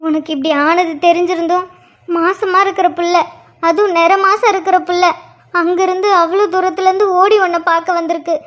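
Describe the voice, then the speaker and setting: A woman's voice: very high voice, level tone, fairly quick, fairly bright tone. A woman voicing a worried middle-aged mother in a cartoon, scolding her injured son. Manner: scolding, tearful. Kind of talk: cartoon voice acting.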